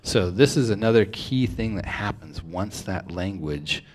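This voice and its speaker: A man hosting a studio talk show, explaining ideas at length in a steady lecturing manner at a table mic. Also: fairly low pitch, a little slow. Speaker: host. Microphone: stand mic at table.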